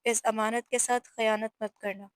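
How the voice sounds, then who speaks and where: A woman's voice: fairly high pitch, level tone, moderate pace, clean tone, no echo, natural voice. A woman voicing a widowed mother who scolds her only son firmly and emotionally in a storybook reading. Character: stern widowed mother, protective and tearful.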